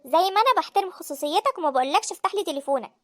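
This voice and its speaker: A woman's voice: very high voice, expressive, very fast, no echo. A woman voicing a stubborn young Egyptian wife. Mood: defiant. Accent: Egyptian Arabic. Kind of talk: animated story voice acting.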